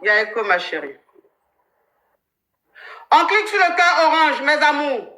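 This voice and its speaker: High, bright-voiced woman coaching on a live stream. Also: moderate pace. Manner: animated, thanks viewers by name. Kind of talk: casual live-stream advice chat. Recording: echoey room sound.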